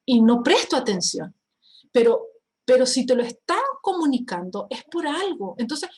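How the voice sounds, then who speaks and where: A woman's voice: a little high, normal speed. A middle-aged woman, giving a talk to parents on family communication and acting out little dialogues. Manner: acts out family dialogues in lively quoted voices.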